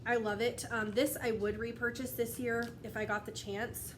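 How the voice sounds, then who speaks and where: Her voice is on the high side with little pitch movement and a normal speed, and the recording has a little hiss or hum. A young wax melt vlogger, she talks casually to her tablet camera indoors at home, rambling and chatty, slightly stuffy from a cold and laughing between thoughts.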